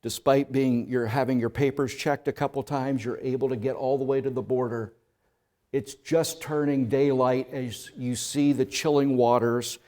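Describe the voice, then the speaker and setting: A male pastor's sermon unfolds as a second-person story, spoken in a steady, medium-pitched voice at a moderate pace. It swells from hushed sections into loud ones.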